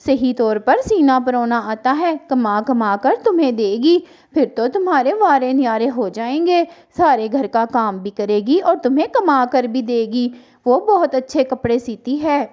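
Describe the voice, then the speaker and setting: A woman voicing a scheming, gossipy female crow who persuades a friend in an animated storybook cartoon. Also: sits high, moderate pace.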